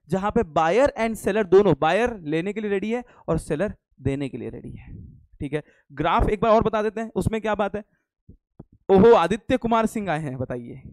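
Young male tutor, high voice, dry close sound, jokey, quizzes his live class. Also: darkish tone, no echo. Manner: playful, teasing, quizzes students and answers himself; mixes English phrases into his talk. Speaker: online commerce tutor. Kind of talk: live online lecture with jokes.

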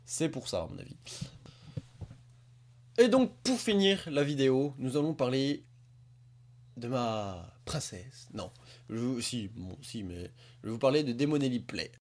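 A man's voice: mid-range voice, expressive, measured pace, pauses often, darkish tone. A man hosting a casual video, commenting on old clips in a rambling, crude way, full of fillers. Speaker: YouTuber host.

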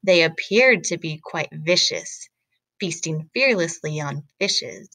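Slow-paced woman reading to children. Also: low voice, expressive, pushed and bright, no echo, poor audio. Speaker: teacher reading aloud. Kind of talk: picture book read-aloud for children.

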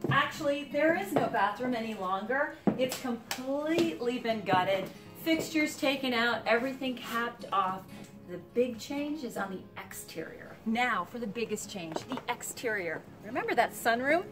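A woman's voice: fairly high pitch, lively intonation, normal speed. Upbeat woman presenting with light music. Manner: upbeat, clear presenter delivery. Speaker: realtor presenting a renovation series. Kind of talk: scripted presenting to camera. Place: house under renovation, indoors and outdoors.

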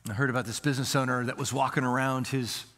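A man's voice: medium pitch, level tone, quick pace, a bit bright. A man preaching a sermon as pastor, earnest and repetitive, asking the congregation rhetorical questions. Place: church sanctuary.

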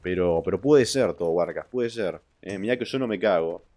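A man's voice: low-pitched, expressive, normal speed. Crude, joking Argentine streamer man. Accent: Argentine Spanish. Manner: crude, joking, trash-talking; loud outbursts and sudden drops to a mutter. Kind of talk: casual livestream chat reading viewer messages.

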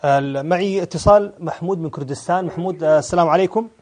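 A male call-in host with a high voice speaks fast and presses callers hard. He repeats their names to cut in and fires off pointed questions. His delivery stays rapid and insistent. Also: a little mellow, a little hiss or hum. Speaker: talk show host. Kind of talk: live call-in debate.

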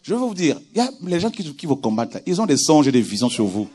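A man preaching a sermon with animated delivery, moving from quiet scripture reading to shouted exclamations. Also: fairly high pitch, fast talker, husky. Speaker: pastor.

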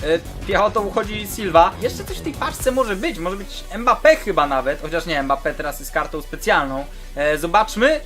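Excitable high-voiced hoarse man. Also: moderate pace, few pauses, faint music behind. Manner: eager, exclaims at each card. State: hoarse from a starting sore throat. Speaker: gaming channel host. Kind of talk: excited pack-opening commentary.

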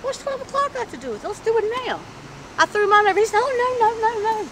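A middle-aged woman chatting candidly in a street interview, animated and talkative, in an outdoor parking lot. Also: very high voice, fast, low-quality recording. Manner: animated, chatty, acts out quoted voices. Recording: street noise in the background.

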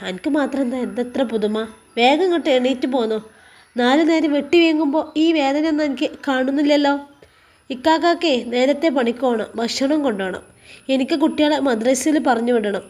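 A bossy, sarcastic sister-in-law with a Malappuram Malayalam accent, as a woman storyteller plays her. Her voice is high and cutting, and she scolds without pause. She sounds like the harsh relative in a storybook. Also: darkish tone. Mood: scolding. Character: sharp-tongued elder sister-in-law, bossy.

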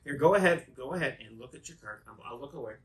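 A man's voice: medium pitch, animated, fast talker. A middle-aged man presenting a card trick in chatty magician patter, wandering off into tongue-in-cheek asides. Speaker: magician co-host of a magic show. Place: small dark room, indoors. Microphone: phone camera set back from the table. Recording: voice distant from the microphone.

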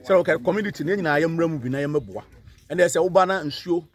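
A man with a Ghanaian accent, a local assemblyman speaking outdoors to reporters, animated and mixing Twi with English. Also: on the high side, quick pace. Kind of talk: public address to reporters. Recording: crowd noise outdoors.

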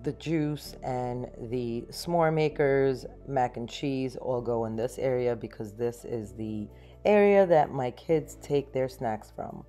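A woman's voice: very deep voice, takes it slowly, dark tone, soft background music. A woman in her thirties narrating her own cleaning video at home, upbeat and explaining each step plainly. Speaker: cleaning vlogger. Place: small home, living room and pantry.

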